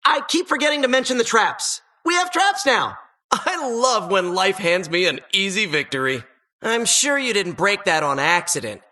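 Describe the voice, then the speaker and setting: Here a gleefully sinister woman hosts a video game dungeon as its announcer, her medium-pitched voice exaggerated, bright and forceful. Her teasing rises and falls, and every line is polished with theatrical mock-welcome and a sardonic bite.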